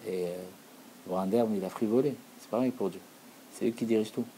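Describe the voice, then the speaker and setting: A man's voice: on the low side, a little fast, mellow, a little hiss or hum, low-quality recording. A man giving an earnest, explanatory Torah lesson, repeating key phrases for emphasis. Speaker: Torah teacher.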